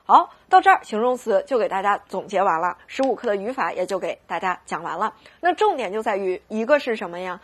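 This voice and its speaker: A woman teaching a recorded grammar lesson, pausing constantly to ask her students rhetorical questions. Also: medium pitch, sing-song, husky.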